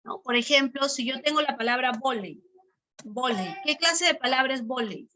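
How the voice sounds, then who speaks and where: A woman teacher, her voice high and bright. She works through the lesson step by step and repeats the key terms. She keeps checking in with her class through short questions. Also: moderate pace, rough recording.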